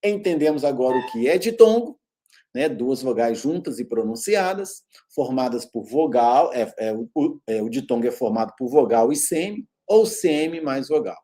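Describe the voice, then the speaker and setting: A man with a Brazilian Portuguese accent teaches a video grammar lesson at an everyday pitch. He talks straight to his viewers, checks that they are following, and slows down to stretch each example word. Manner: lively, calls out to viewers, drawn-out example words.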